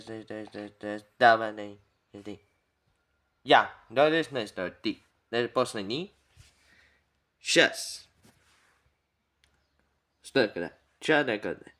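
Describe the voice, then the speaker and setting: A man commenting casually on an old TV recording for his channel, rambling and halting and often repeating himself. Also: mid-range voice, a bit bright, smooth. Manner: halting, repetitive, trailing off.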